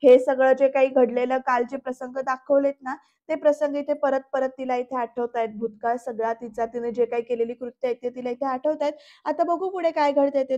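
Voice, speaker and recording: A woman recaps a TV serial episode in a voice-over review, talking directly to her audience. Her voice sits high and stays fairly level. The recording is a touch dull and lo-fi. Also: dark tone. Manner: retells scenes line by line, addressing viewers directly.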